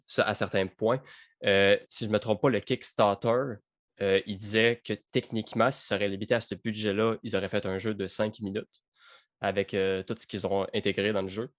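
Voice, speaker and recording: A man's voice: lowish voice, no echo, clean studio sound. A man with a Québécois French accent hosting a casual game review podcast, often repeating words as he starts sentences. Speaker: podcast host.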